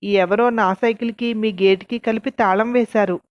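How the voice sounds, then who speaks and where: A woman's voice: a little high, fairly even intonation, normal speed, muffled recording, lightly acted. A woman narrator voicing a proud young man who argues while holding his temper. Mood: restrained irritation. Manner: restrained, arguing.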